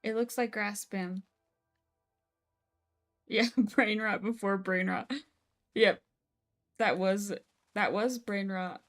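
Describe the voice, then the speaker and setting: A woman's voice: mid-range voice, fairly even intonation, slow, pauses often, faint music behind. Bubbly young woman streamer chatting. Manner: bubbly, chatty, exclaims often. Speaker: live streamer. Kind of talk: casual live-stream chat while playing.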